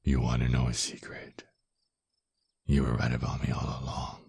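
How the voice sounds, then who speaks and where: A man playing a dominant, seductive, menacing male vampire lord in an ASMR roleplay, with a very deep voice and a possessive, taunting, mock-tender manner. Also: completely flat delivery, normal speed, gravelly, a little mellow, breathy edge, no echo, full character voice. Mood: gloating, sinister. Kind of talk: ASMR roleplay, intimate scripted monologue.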